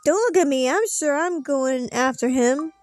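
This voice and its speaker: This let's play streamer has a high voice and a moderate pace as she acts out character lines from a story game, with casual asides between them. The recording is dry, and faint music plays behind her.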